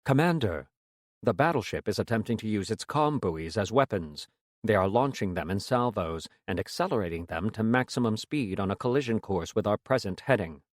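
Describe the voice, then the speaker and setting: A male narrator voicing a calm, formal ship AI reporting to its commander in an audiobook. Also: fairly low pitch, brisk, no echo, clean studio sound. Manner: formal, matter-of-fact reporting.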